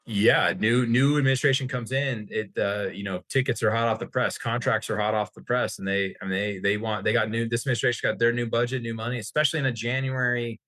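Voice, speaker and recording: Talking fast with hardly any pauses, the American healthcare executive has a medium-pitched, fairly bright voice with fairly even intonation and no echo. As the expert guest in an informal discussion, he's wordy and keeps rephrasing mid-sentence.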